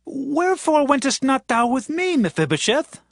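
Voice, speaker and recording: A man's voice: extremely high pitch, very animated, moderate pace, dry recording, clean studio sound, heavily acted. An actor playing a commanding king of Israel in a dramatized Bible audiobook, declaiming in archaic scriptural phrasing. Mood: stern. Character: commanding king of Israel, stern yet magnanimous.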